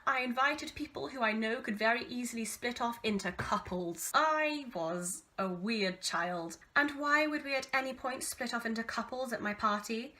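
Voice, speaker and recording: A woman in her twenties with an English accent reads from an old diary with casual asides, in an animated, self-mocking, theatrically exasperated way. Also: a little high, a little fast, hardly any pauses. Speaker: vlogger reading her old teenage diary.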